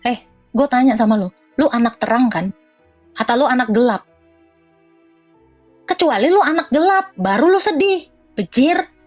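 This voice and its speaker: High-pitched, blunt, mocking woman. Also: normal speed, pauses often, soft background music. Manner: blunt, mocking and animated, with laughs and swings of pitch. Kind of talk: informal religious commentary rant.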